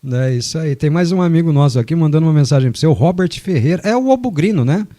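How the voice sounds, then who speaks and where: A man's voice: on the high side, very fast, warm tone. A man hosting a radio sports show, chatting casually, joking and reading listener messages. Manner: chatty, joking, long explanations. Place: radio studio.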